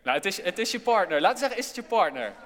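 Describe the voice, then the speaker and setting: A man's voice: sits high, sing-song, very fast, a bit bright. A man leading a casual, interactive church talk, chatty and self-deprecating, with lots of fillers. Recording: long hall reverb.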